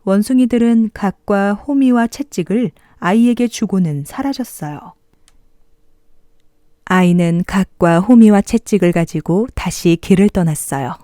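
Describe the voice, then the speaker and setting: Mellow woman reading to a toddler. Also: mid-range voice, measured pace, no echo, studio quality. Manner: reading to a toddler, gentle and expressive. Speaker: storybook narrator. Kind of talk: bedtime fairy tale narration for young children.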